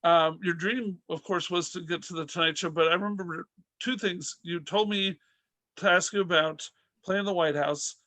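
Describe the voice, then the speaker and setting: A man's voice: high voice, fairly even intonation, moderate pace, pushed and bright, no echo. A man hosting a comedy podcast, telling a rambling story and asking questions, full of fillers and laughs. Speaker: podcast host and comic. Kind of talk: casual interview chat.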